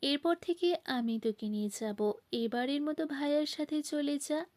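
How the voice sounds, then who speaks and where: A woman's voice: sits high, normal speed, darkish tone, lightly acted. A woman voicing a harried young man who pleads with his angry younger sister in an audiobook. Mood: pleading. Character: young man, harried older brother caught between two angry siblings.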